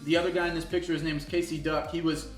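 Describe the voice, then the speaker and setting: A man's voice: a little high, little pitch movement, racing. A man in his thirties, a campus pastor, telling stories casually in an interview and laughing at himself. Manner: storytelling, laughs often, self-deprecating. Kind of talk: casual interview over food. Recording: echoey room with faint music.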